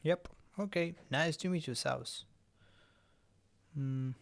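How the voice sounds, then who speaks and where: Male streamer, English speaker, unhurried delivery with a gravelly edge. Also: on the high side. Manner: halting, self-correcting non-native English. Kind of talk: casual game stream chat.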